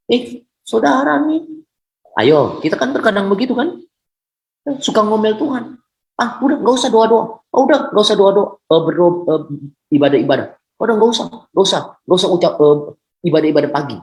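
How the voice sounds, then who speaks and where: A male pastor preaching a sermon, repeating key phrases and calling out to listeners to say amen. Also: fairly high pitch. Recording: roomy echo.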